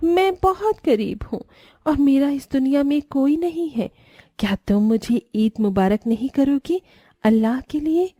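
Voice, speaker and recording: A woman voicing a sly witch who poses as a poor lonely woman in a cartoon, speaking low and slow to lure a child. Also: mellow, no echo. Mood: coaxing. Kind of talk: Hindi cartoon voice acting.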